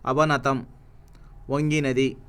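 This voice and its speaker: A man with a Telugu accent slowly reads dictionary words and their meanings, pausing after each one. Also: mid-range voice, level tone, fairly bright tone, clean tone. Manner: reads each word then its meaning, with pauses. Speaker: teacher reading a word list.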